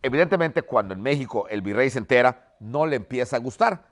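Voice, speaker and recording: A man's voice: medium pitch, fairly quick. A man, a history teacher, giving a vivid storytelling lesson and often checking in with "¿ok?". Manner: keeps adding "¿ok?" as a check-in; vivid, animated retelling.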